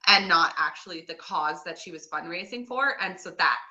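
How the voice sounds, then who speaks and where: A woman's voice: on the low side, expressive, moderate pace, sharp tone, highs cut off. A woman with a Nova Scotian Canadian accent co-hosting a podcast, chatting casually in a rambling, gossipy recap. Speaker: podcast co-host.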